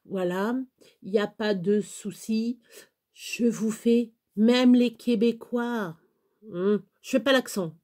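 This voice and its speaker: Speaking slowly in a fairly high, darkish voice, this YouTuber from Touraine, France, talks casually to the camera on her channel. She has a Touraine French accent and rambles, often using fillers and starting over.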